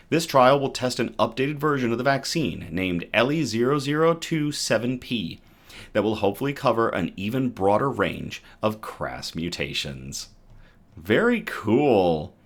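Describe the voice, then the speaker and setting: The host of a good-news show reads articles aloud, his pitch swinging widely, and he stumbles and restarts over difficult technical terms. Between reports he chats casually and reacts to the live chat.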